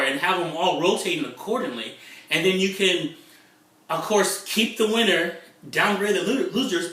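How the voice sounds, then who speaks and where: A middle-aged man talking in a casual vlog about online marketing, excitable and rambling, often repeating himself. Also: high voice, distant mic. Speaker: internet marketing vlogger. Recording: echoey room, away from the mic.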